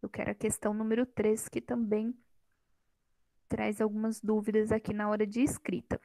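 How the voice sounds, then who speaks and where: A woman's voice: medium pitch, level tone, moderate pace, creaky, dark tone, no echo, poor audio. A woman teacher giving a grammar lesson in a classroom on a microphone, quizzing her students and teasing them lightly. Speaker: Portuguese teacher.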